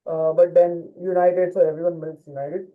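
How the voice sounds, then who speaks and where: A man's voice: on the high side, level tone, moderate pace. A man co-hosting a casual football chat, talking with many fillers and restarts. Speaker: podcast co-host. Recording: tinny phone-like line.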